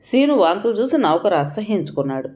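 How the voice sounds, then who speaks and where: A woman's voice: mid-range voice, sing-song, quick pace, mellow. A woman narrating a story as an audiobook, reading with feeling and taking on the characters' cries and pleas.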